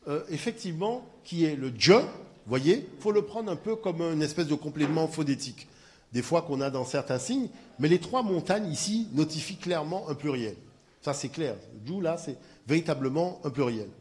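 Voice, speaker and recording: A man gives a conference talk, pressing his points with emphatic repetition and frequent checks that his audience is following. His voice sits fairly high for a man. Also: animated, normal speed, darkish tone. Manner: emphatic, repeats "voyez" to engage listeners. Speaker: speaker at a conference. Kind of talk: lecture with audience discussion.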